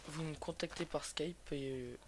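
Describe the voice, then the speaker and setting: Sick with what sounds like a sore, swollen throat, a young Frenchman with a fairly high voice hosts a gaming video, commenting casually on gameplay at a moderate pace. He's slangy, swears freely, and hesitates often, and his cheap computer microphone is clearly noisy.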